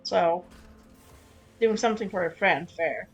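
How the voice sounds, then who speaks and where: A woman's voice: lowish voice, measured pace, breathy edge, lo-fi sound, faint music behind. A woman streamer chatting frankly and casually while she plays, swearing now and then and often restarting her sentences. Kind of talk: casual live-stream chat while gaming.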